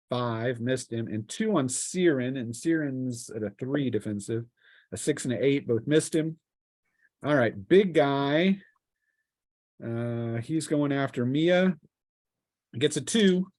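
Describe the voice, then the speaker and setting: Speaking slowly in a mid-range, slightly mellow voice, a man leads a tabletop role-playing session as game master. He informally describes combat and explains the rules from home on an online group call, close to his microphone.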